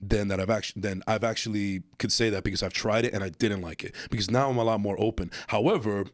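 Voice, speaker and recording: A man's voice: fairly low pitch, fairly even intonation, fast talker. A man in his thirties hosting a podcast, chatting casually with an upbeat, hype manner and frequent restarts. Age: 30s. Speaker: podcast host. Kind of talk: casual chat.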